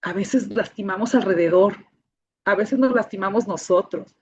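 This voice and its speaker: Woman speaker, husky voice, heartfelt testimony, dull muffled recording. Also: medium pitch, moderate pace, darkish tone. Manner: emotional, repeats key phrases for emphasis. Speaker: speaker sharing her life story, founder of a child-protection association. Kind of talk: personal testimony talk to an audience.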